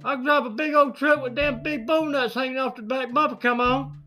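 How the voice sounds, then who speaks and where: A man's voice: very high-pitched, fairly even intonation, moderate pace, pushed and bright, voice pushed up. A man voicing a jealous drunk redneck who threatens a rival with blustering talk, over guitar music.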